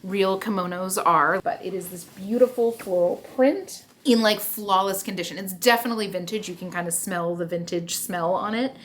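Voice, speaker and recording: This is a woman with a Philadelphia accent walking viewers through her thrift finds in a relaxed vlog. Her voice sits at an ordinary middle pitch, and she talks in a warm, rambling way, leaning on "like" and "you know" as she goes. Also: moderate pace, few pauses, slight background noise. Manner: chatty, enthusiastic, lots of "like" and "you know". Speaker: reseller vlogger. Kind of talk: casual haul chat to camera.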